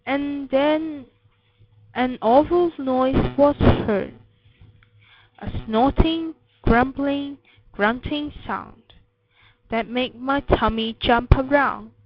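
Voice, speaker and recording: A woman recites a children's poem with an expressive storytelling delivery. Her voice is high and she takes her time over each line. The recording is slightly dull and lo-fi. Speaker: poetry reciter.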